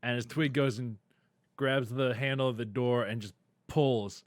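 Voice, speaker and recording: A man narrates a tabletop game as game master, rambling through the scene and laughing between lines. His pitch sits in the middle range. The sound is dry and close. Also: steady tone, a little slow, no echo.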